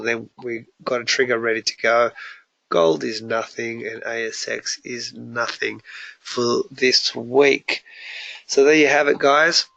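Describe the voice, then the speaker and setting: A man's voice: mid-range voice, gravelly, pushed and bright, no echo. A congested man hosting a live trading webinar, talking informally and restarting sentences as he goes. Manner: informal, restarts mid-sentence, addresses viewers as guys. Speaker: forex trading analyst hosting a weekly webinar. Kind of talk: live webinar market walkthrough.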